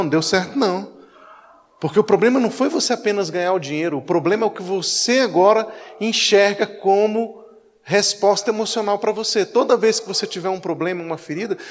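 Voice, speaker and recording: A man with a Brazilian Portuguese accent, a pastor preaching a conversational sermon with acted-out anecdotes, in a church. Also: high-pitched. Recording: echoey church hall.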